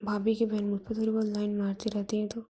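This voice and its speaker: A woman voicing a young female student in love, speaking in a soft, coaxing whisper as whispered role-play. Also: medium pitch, monotone, fast talker, slight background noise, close to an everyday voice. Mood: tender. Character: young woman student, tender pleading lover.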